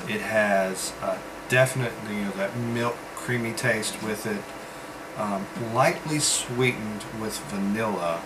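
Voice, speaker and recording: A man giving a casual vlog-style product review, rambling and halting, pausing often as he goes. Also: on the low side. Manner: rambling, halting delivery with pauses as he tastes. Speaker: vape reviewer. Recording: steady background hum, like air conditioning.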